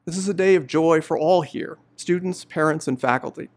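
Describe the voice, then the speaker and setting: Middle-aged male professor, gravelly and a bit high, earnest measured address. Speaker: law professor giving faculty greetings. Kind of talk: formal commencement address. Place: indoor studio before a university banner.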